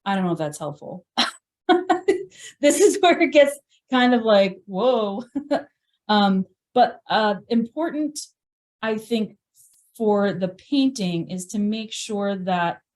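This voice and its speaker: A woman's voice: medium pitch, darkish tone. A woman leading a live virtual painting class, chatting and thinking aloud as she paints, often laughing at herself. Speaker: painting instructor. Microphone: video call.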